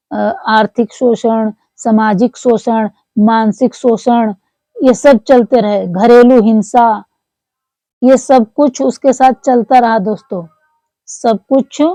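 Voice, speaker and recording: A woman's voice: fairly high pitch, dark tone, no room sound, poor audio. A woman recounting a story to her viewers in earnest, repetitive commentary, often calling them friends. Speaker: commentator on online creators.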